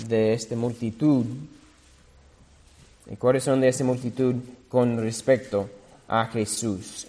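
A man preaching a sermon, reading scripture aloud slowly and deliberately, now and then correcting himself. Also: medium pitch, darkish tone, long reverb tail.

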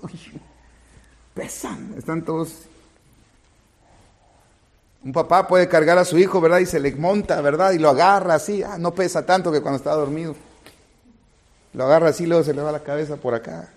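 A man with a high voice delivers a Spanish sermon as a pastor. He talks straight to his congregation, swings between loud fervent passages and low quiet ones, and acts out little scenes along the way. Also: a little fast, pauses often. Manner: animated preaching, acts out little scenes, addresses congregation directly.

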